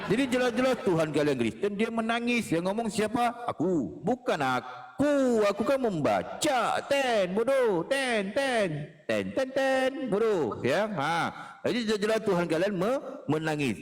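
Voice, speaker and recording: A man plays a self-styled pastor and taunts his opponents, laughing as he goes. His fairly high voice swings widely in pitch. A long hall-like reverb hangs on every word. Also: big pitch swings, unhurried. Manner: taunting, laughing, mock-preachy. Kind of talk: mocking debate talk.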